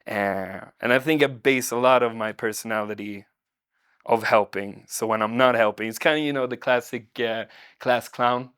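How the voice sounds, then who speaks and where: A man from Sweden, a nurse, speaking in a reflective documentary interview, searching for words with many pauses and fillers. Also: mid-range voice, fairly bright tone, clear, resonant tone, no echo, clean studio sound.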